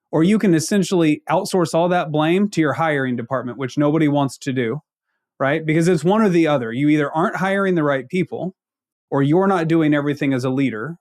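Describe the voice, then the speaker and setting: A man's voice: fairly high pitch, a little mellow. A man from the Ozarks with an Ozark accent, giving conversational leadership advice as a panel guest, emphatic and fond of rhetorical questions. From Ozarks, United States.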